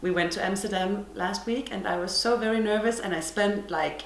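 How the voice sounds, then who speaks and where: A Danish woman with a Danish accent hosts her podcast from her living room, talking casually to camera in a chatty, self-deprecating monologue. Her voice is mid-range at a normal pace, and the sound is roomy.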